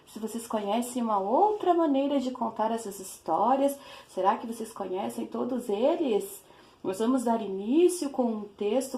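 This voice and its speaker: A Brazilian woman teacher talks young children through the lesson in a fond, sing-song manner. Her voice sits fairly high. The room around her rings with echo. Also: dark tone. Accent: Brazilian Portuguese. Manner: affectionate, sing-song classroom explaining. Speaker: primary school teacher. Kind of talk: online class for young children. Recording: echoey room.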